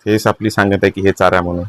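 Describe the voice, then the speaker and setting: A man's voice: low voice, flat delivery, brisk, a bit bright, a little hiss or hum. A man with a Marathi accent hosting a casual family vlog, chatty, coaxing and playful. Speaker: vlog host.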